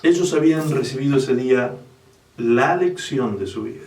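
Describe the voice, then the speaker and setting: A man's voice: mid-range voice, animated, moderate pace, a little mellow, echoey room, recorded from a distance. A male pastor preaching a sermon with drama. He acts out the Bible characters and often asks his listeners if they follow. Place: church hall.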